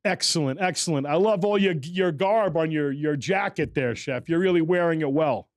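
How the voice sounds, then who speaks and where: Male podcast host with a high voice and a loose, rambling manner, recorded dry and close. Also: normal speed, dry recording. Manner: rambling storyteller, many fillers. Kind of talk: casual interview chat.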